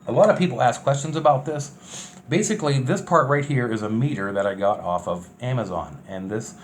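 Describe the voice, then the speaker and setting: Talking over footage of his DIY bus conversion, this vlogger gives a loose, unscripted, folksy recap. He speaks a little fast in a mid-range voice, with clear, steady ambient background noise in the recording.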